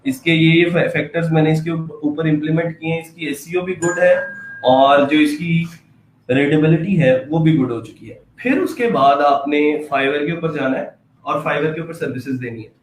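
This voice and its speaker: A man explains a lesson slowly and patiently, checking in with his students again and again. His voice sits a little high for a man. An echoey classroom with faint noise behind him. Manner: explains patiently, full of fillers and "ठीक है". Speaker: teacher.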